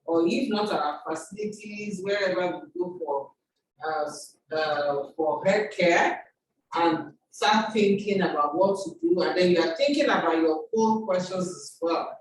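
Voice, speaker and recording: A woman's voice: lowish voice, measured pace, a little hiss or hum. A woman moderating a conference call, introducing the speaker in a hesitant way with many fillers. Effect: conference call audio. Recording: echoey, distant online conference call.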